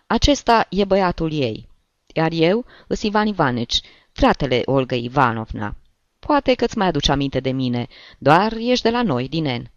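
A man's voice: fairly high pitch, big pitch swings, dry recording, highs cut off. A man voicing a courteous, formal middle-aged uncle in an audiobook reading.

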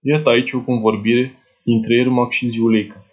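A man's voice: medium pitch, flat delivery, highs cut off, lightly acted. A man playing a poor, fussy older clerk who confides in a young woman in a chatty, doting way. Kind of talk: dramatized literary monologue.

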